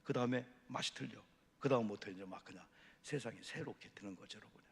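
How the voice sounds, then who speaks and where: A man preaching a Bible-study sermon as pastor, telling lively anecdotes and sometimes dropping to a hushed aside. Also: fairly low pitch, quick pace, gravelly. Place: church sanctuary. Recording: long hall reverb.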